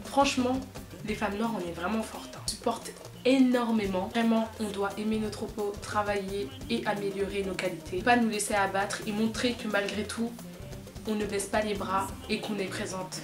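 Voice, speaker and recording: A woman's voice: medium pitch, fairly even intonation, moderate pace. Indignant woman vlogger, echoey room. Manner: firm, indignant appeals to viewers. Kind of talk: earnest direct-to-camera talk. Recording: echoey room with music behind.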